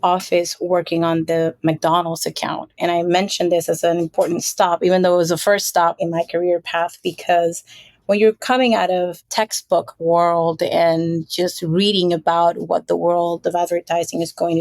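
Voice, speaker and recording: A woman from Puerto Rico, a marketing executive guest, telling stories in a chatty, relaxed interview. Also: lowish voice, dry recording. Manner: chatty, storytelling, frequent fillers. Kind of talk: casual interview.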